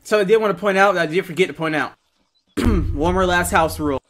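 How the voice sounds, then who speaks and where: A man's voice: high voice, fairly quick, fairly bright tone. A man instructing trainees in a military roleplay game, directing and correcting them as he briefs. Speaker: military-sim drill instructor.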